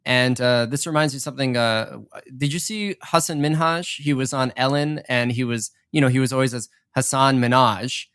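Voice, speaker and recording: A man's voice: mid-range voice, fairly quick, few pauses, fairly bright tone, smooth, dry recording, studio quality. A young man hosting a podcast, chatting casually and telling stories, acting out the people he quotes. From Persian family. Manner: chatty storyteller, acts out quoted voices. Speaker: podcast host. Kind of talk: casual chat.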